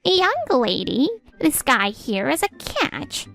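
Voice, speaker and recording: A woman's voice: sits high, big pitch swings, slow pace, creaky, fairly bright tone, faint music behind, full character voice. A woman voicing a brash, teasing, good-natured older neighbor in a comic dub. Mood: teasing, fond. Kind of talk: comic dub character acting.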